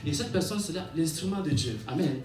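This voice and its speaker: A man with a slightly high, slightly mellow voice preaches a sermon with scripture reading, pausing haltingly as he reads and then repeating and reshaping phrases rhythmically, with calls for amens. It's recorded with a distant mic in an echoey room, music playing behind.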